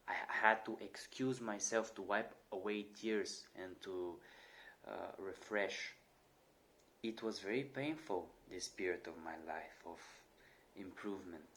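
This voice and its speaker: A young man who hosts a channel talks earnestly to camera about his own experience, in a lowish voice with a fairly bright tone. He's reflective, with small repetitions, restarts and occasional stutters in his speech.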